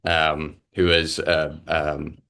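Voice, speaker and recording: Rumbling low yet bright and forceful, the young Irishman's voice stays completely flat. He's a musician on an interview, talking casually but haltingly, with many fillers and restarts.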